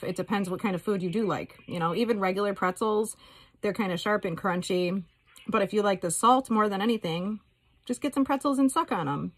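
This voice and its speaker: A woman's voice: mid-range voice, breathy edge, low-quality recording. A woman vlogger talking casually and candidly, in a rambling, informal way. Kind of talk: casual chatty vlog.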